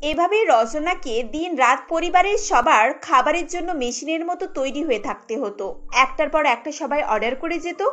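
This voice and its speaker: A woman's voice: high-pitched, animated, moderate pace, a bit bright, soft background music. A woman narrating a family cartoon story in a sympathetic storytelling manner.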